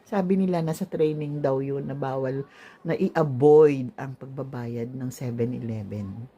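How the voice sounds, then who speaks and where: A woman vlogger telling a story in a casual, animated and indignant way, with exclamations. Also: extremely low pitch, unhurried, breathy edge.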